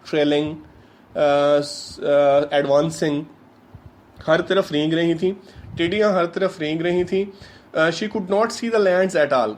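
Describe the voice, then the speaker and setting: A middle-aged man, teaching an English text, who reads each phrase slowly, lists synonyms and translates. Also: a little high. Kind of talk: lecture explaining an English text.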